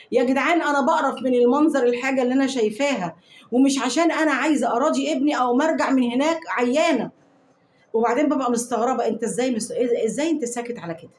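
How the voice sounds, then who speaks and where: A woman's voice: on the high side, darkish tone, reverberant, slight background noise. A woman with an Egyptian Arabic accent telling a first-person story to viewers in an indignant, disgusted way, then giving advice.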